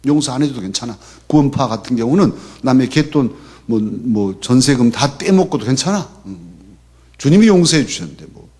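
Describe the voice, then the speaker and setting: A man preaching a sermon as a church pastor, in a conversational way that often drops to a soft, low voice. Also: expressive, normal speed, breathy edge. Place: church sanctuary.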